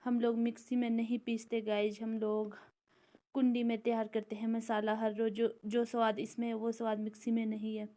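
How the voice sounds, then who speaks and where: A woman's voice: on the high side, monotone, normal speed, dark tone. A young mother from the Indian hills, chatting easily as she walks through her cooking and childcare. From Indian hill region. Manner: easy, chatty, explains each step. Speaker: vlogger, mother of two daughters. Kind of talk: casual daily-routine vlog voice-over.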